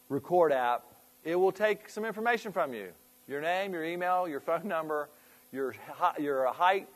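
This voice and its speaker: Man presenting to a group, slightly high voice. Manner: conversational, asks the audience questions, trails off and restarts. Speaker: presenter at a fitness club industry meeting. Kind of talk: informal business presentation to a group.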